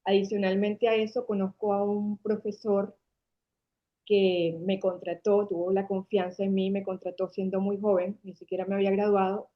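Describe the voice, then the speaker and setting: Speaking with a Caracas accent, this woman in her forties is the founder of a marketing agency, appearing as a guest who recounts her story in detail. Her mid-range voice moves little in pitch and keeps a normal speed, captured in dull lo-fi sound.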